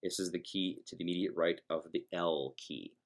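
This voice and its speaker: A man teaching music students how to use a notation program, explaining each step in a relaxed, folksy way. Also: low-pitched, brisk. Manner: relaxed, folksy, talks through clicks step by step. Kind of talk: screen-recorded software tutorial.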